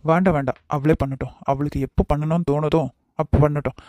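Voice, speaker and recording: A man voicing an anxious, sulky young groom-to-be in a cartoon, speaking in quick, hurt complaints. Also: a little high, steady tone, a little mellow, dry recording, natural voice. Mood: upset. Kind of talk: cartoon voice acting.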